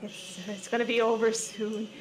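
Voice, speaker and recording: A woman's voice: fairly high pitch, level tone, noisy background. A woman playing a co-op game with friends, chatting casually and playfully. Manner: playful, quick to laugh. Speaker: co-op game player. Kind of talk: casual gaming chat with friends.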